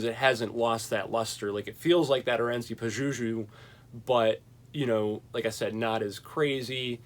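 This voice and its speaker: A young man chatting casually about his vinyl record collection, rambling and enthusiastic, with plenty of fillers. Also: fairly low pitch.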